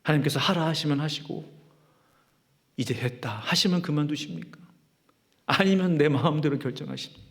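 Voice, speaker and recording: A man's voice: on the high side, moderate pace, pauses often. A man preaching a sermon as pastor, emphatic and full of rhetorical questions. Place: church sanctuary.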